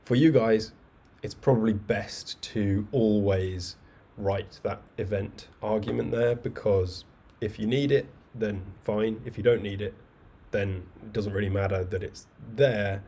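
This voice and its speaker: A coding bootcamp instructor with a low voice teaches a live online coding lecture over a webcam video call mic, with faint background noise. He talks a little slowly with hardly any pauses, explaining in a relaxed, chatty way full of asides and fillers.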